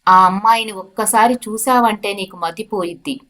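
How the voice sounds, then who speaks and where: A woman's voice: medium pitch, normal speed, a bit bright, natural voice. A woman voicing a scornful middle-aged male jailer who speaks with mockery and command in a storytelling. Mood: mocking. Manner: mocking, then commanding.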